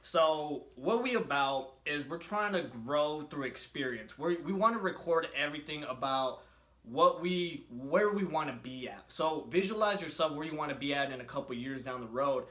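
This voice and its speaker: A man's voice: a little high, animated, normal speed, a bit bright. A man with a missing tooth co-hosting a podcast in casual, slangy, sweary chat. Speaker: podcast co-host. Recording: roomy indoor echo.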